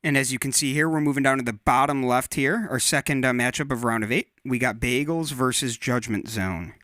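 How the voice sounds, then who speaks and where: A man's voice: medium pitch, a little fast, a bit bright, dry recording. A man hosting a casual livestream, running polls and making jokey asides. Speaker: livestream host.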